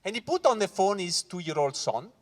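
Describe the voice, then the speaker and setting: Performing English stand-up at a corporate event, a high-pitched comedian from Ticino, Switzerland, talks at a moderate pace. He addresses the live audience in the hall directly, with loud, animated crowd work and a habit of saying "guys."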